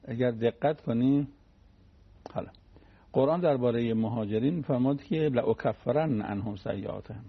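A man with a gravelly, husky voice gives a relaxed religious talk, illustrating his points with plain stories and examples. The sound is muffled, as on an old radio broadcast. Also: mid-range voice. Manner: folksy, uses everyday anecdotes and examples. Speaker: cleric giving a religious talk.

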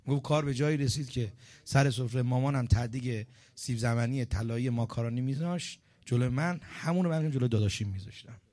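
A man delivers a sermon, telling a story with swings between loud outbursts and hushed lines. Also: medium pitch. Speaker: preacher.

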